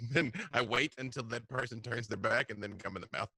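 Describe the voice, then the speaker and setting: A man playing a tabletop game over a video call, talking in a halting, chuckling way, his audio choppy with uneven, dropping volume. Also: medium pitch, bright, forceful tone, a little hiss or hum. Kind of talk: casual in-character play over a video call.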